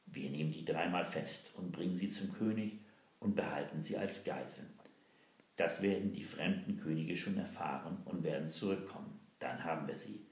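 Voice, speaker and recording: A man's voice: deep voice, normal speed, darkish tone. A man voicing a grim, suspicious soldier captain who barks his orders. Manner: barking, suspicious. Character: grim, harsh middle-aged soldier captain. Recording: roomy echo.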